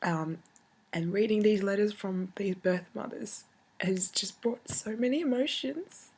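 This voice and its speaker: A woman's voice: medium pitch, unhurried, darkish tone. A woman talking casually in a vlog and reading bits from a book, with some background noise.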